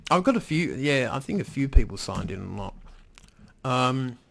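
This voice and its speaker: A man's voice: mid-range voice, vocal fry, a bit bright, a little hiss or hum. A man hosting a live stream, rambling casually and swearing now and then as he answers his chat. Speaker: livestream host reading chat.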